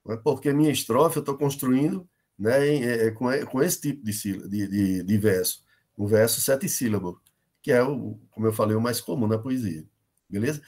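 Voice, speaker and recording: A man's voice: mid-range voice, moderate pace, a little mellow. A middle-aged man with a Brazilian Northeastern accent, teaching an online lesson on poetic meter and checking in with his students often. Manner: explanatory, many fillers and checks like "né?" and "beleza?".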